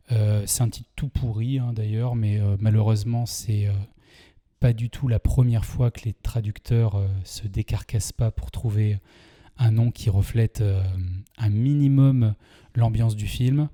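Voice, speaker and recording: A man's voice: mid-range voice, warm tone. A man with a French accent hosting a casual film review, chatty and full of hesitations. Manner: chatty, many fillers and restarts. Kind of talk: casual video commentary.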